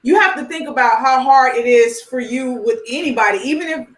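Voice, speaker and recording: A high-voiced woman co-host in a casual panel chat, picking her words slowly with frequent ums. The sound is roomy and echoey. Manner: hesitant, measured, many fillers. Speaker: podcast co-host. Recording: echoey room.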